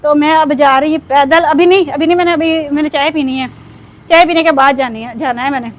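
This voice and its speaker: High-voiced chatty woman vlogger. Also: fairly even intonation, fairly quick. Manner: chatty, rambling storytelling. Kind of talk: casual vlog chat to viewers.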